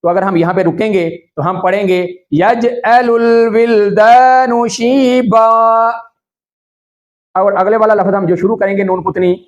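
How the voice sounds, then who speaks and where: A man with a Pakistani Urdu accent teaching tajweed step by step, slowly chanting Arabic words syllable by syllable and checking that viewers follow. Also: sits high, level tone. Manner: asks the viewer if it is clear. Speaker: Quran recitation teacher.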